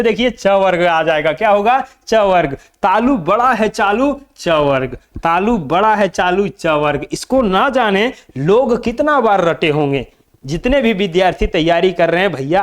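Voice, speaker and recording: A man teaching an exam-prep lesson from Jharkhand, drilling mnemonics by asking and answering his own questions. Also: high-pitched. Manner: repetitive call-and-response drilling, asks and answers own questions; chants mnemonics slowly.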